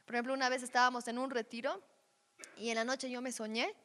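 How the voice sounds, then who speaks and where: A woman's voice: a little high, level tone, fast, pushed and bright, big-room sound. A woman giving a teaching session on dreams. She speaks conversationally and often checks in with her listeners. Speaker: Bible teacher.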